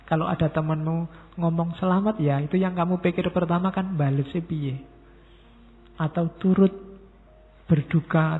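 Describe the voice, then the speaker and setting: Male lecturer, Javanese accent, rather high gravelly voice; lo-fi recording in a big echoing hall. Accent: Javanese-inflected Indonesian. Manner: talks straight to the audience, acts out quoted messages in different tones. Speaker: university lecturer giving a public lecture. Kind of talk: philosophy study lecture. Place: large mosque hall. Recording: tinny lo-fi sound in a reverberant hall.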